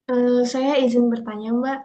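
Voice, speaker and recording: A woman's voice: fairly high pitch, fairly even intonation, measured pace, warm tone, highs cut off. A woman attending an online workshop who asks a long, hesitant, chatty question full of fillers. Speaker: workshop participant. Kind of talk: casual question in online class.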